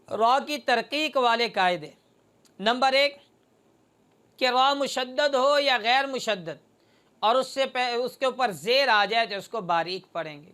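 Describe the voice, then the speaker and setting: Recitation teacher, step-by-step lesson, smooth resonant voice, mid pitch, slow chanted examples. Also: pushed and bright. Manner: methodical, numbers each rule and chants slow drawn-out examples. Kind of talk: explanatory lesson on recitation rules.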